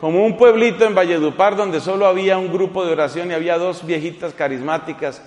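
Priest preaching in an echoing hall. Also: male voice, sits high, fast, soft background music. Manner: animated, teasing, mimics voices in anecdotes. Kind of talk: humorous sermon with storytelling. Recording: echoey hall with long reverb.

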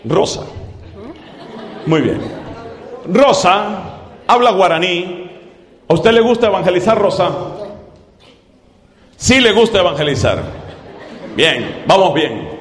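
A man preaching a sermon to a live congregation, emphatic and repeating phrases slowly for effect. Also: high-pitched, big pitch swings. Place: large church hall with audience. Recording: echoey hall with crowd noise.

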